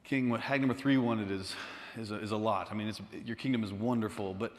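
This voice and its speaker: A man voicing a timid ragged hag woman who speaks haltingly, heard in an echoey hall. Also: fairly low pitch, steady tone, voice pushed down, lightly acted. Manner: hesitant, halting.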